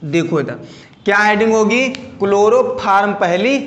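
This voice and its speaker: A man with a high voice teaches a chemistry lesson for video, pausing to ask his students questions and repeating each answer. He speaks slowly and stretches out key terms. The sound is roomy and echoey. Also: lively intonation, a bit bright, muffled recording.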